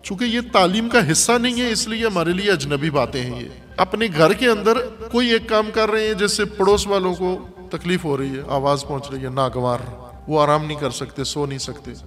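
A man's voice: high-pitched, fairly bright tone. A man giving an emphatic moral lecture to students and driving his points home with rhetorical questions. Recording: long hall reverb, faint music behind.

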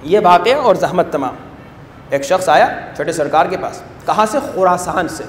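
A man preaching a fervent sermon in a high, ringing voice. He swings from loud exclamations to hushed, low asides. The sound is roomy, with a long hall reverb trailing each phrase. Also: expressive, slight background noise. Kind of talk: impassioned sermon.

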